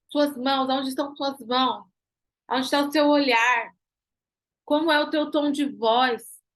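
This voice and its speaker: A woman teaches an online class in a high voice. She is emphatic, hammers key phrases again and again and keeps asking rhetorical questions. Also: rough recording. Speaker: pilates teacher and business mentor.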